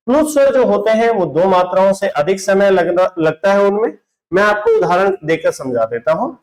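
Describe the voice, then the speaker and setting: High-voiced Hindi grammar teacher. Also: male voice, rough recording. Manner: repeats questions and answers them himself, addresses students as brother; mixes English words into Hindi. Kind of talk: classroom-style online lesson.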